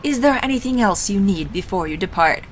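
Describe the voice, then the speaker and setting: A woman's voice: mid-range voice, lively intonation, brisk, close to an everyday voice. Woman acting as a pompous male wizard, hammy stage-actor delivery, solemn, falsely humble, game dialogue, noisy recording. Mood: grave, evasive. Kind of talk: video game dialogue read-aloud.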